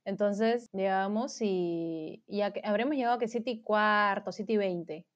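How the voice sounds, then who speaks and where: A woman's voice: medium pitch, measured pace. A woman telling a story in casual chat, full of slang and fillers. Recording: dull lo-fi sound.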